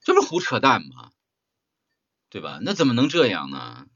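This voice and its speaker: Male voice-acting teacher lecturing a workshop: blunt, emphatic, rhetorical, swinging pitch, dry dull lo-fi sound. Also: huge pitch swings, moderate pace, a bit bright, no echo.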